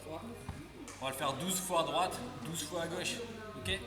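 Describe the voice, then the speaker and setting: A man's voice: on the high side, a little slow. A man coaching a workout, explaining each exercise and counting repetitions while he demonstrates. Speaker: fitness coach. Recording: echoey hall, distant mic, music.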